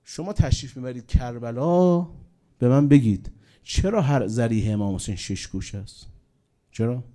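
Dark-voiced man preaching a mournful sermon. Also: medium pitch. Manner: swings between loud exclamations and hushed, mournful lines. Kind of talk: religious sermon with storytelling.

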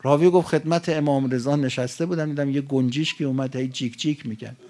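A man from Iran giving a conversational religious sermon, telling stories and rising loud and high at the peaks. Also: fairly even intonation. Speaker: preacher.

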